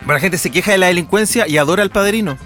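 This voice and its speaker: Bright-voiced Chilean man telling stories. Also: high-pitched, very fast, soft background music. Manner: animated storyteller, acts out characters' lines. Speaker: podcast co-host. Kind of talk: casual chat about films.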